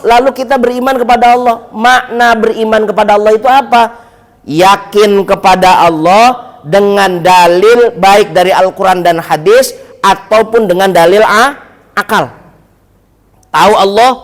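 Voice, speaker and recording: A man giving a casual religious lesson in a mosque, joking, mimicking regional pronunciations and quizzing his listeners. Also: high-pitched. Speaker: ustadz teaching a kitab study class.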